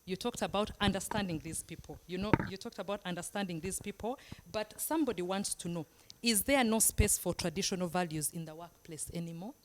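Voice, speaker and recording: A woman's voice: on the low side, fairly quick, a little hiss or hum. A woman hosting and moderating a webinar, speaking directly to the audience in an encouraging way before passing questions to a guest. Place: video call.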